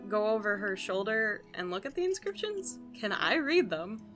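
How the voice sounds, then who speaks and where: A woman playing a tabletop game, chatting casually in an expressive, joking way with some swearing. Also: medium pitch, normal speed. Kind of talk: casual chat, playful role-playing. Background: faint music.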